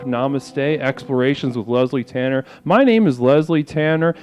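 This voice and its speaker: A man's voice: mid-range voice, darkish tone, highs cut off. A man hosting a live stream as a self-styled spiritual leader, in a rambling comedic monologue that is mock-solemn, full of stammers and crude asides. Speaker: host of a mock spiritual livestream.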